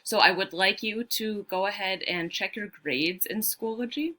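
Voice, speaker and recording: A woman teacher giving a friendly, clear recorded announcement to her class. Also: mid-range voice, normal speed, pushed and bright.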